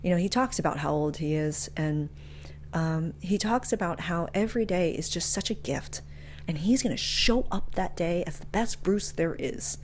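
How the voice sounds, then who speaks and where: Speaking at a moderate pace in a lowish voice, this motivational speaker and podcast host shares personal stories in a frank, casual way. Her delivery is emphatic and sprinkled with slang asides, and faint hiss or hum can be heard.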